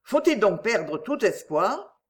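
Woman doing polite young marquis, formal and lively. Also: medium pitch, slow pace. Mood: courtly. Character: courteous young nobleman suitor.

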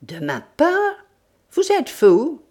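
A woman reading an audiobook, voicing an imperious, irritable English detective man who scolds with sharp questions. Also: high voice, wildly swooping pitch, drawn-out words, voice pushed up, full character voice. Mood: furious. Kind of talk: audiobook character voice.

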